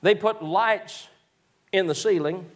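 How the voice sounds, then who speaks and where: A male preacher, telling folksy stories in a sermon and rising into shouted exhortations. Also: sits high, slow. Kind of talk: sermon with storytelling.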